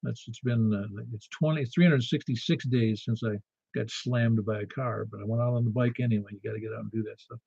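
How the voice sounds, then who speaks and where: A man's voice: medium pitch, fairly even intonation, a little fast, creaky, a little mellow, husky, no echo. Male net host, casual and talkative, close dry sound, slightly muffled. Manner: chatty, informal. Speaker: ham radio net host. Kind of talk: casual net control chat. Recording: slightly dull, dry lo-fi audio.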